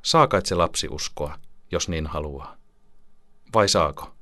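A man's voice: extremely low pitch, a bit bright, dry recording. A man voicing an easygoing father who pleads persuasively, in a dry audiobook reading. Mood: pleading.

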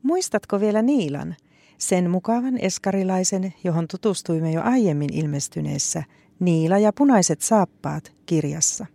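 A woman announcer reading a scripted introduction to a children's story program in a measured way. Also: on the low side, animated, creaky, warm tone, dry recording.

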